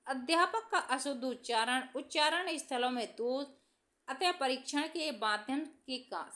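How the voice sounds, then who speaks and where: A woman teacher reading exam answers aloud from study notes in a steady, dictation-like way, announcing each question number. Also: sits high.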